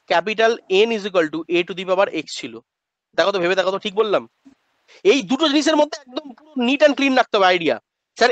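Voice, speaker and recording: A male math teacher giving a classroom lecture, asking questions and answering them himself as if he were a student, and drilling pronunciation slowly. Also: high-pitched, fairly bright tone, dry recording. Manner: asks and answers his own questions in students' voice. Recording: dull lo-fi dry sound.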